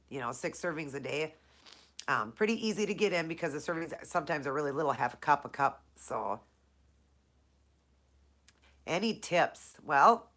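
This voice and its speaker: Stuffed up from allergies, this Minnesota woman hosts a relaxed live Q&A on her stream and addresses viewers by name. She has a deep voice with a fairly bright tone.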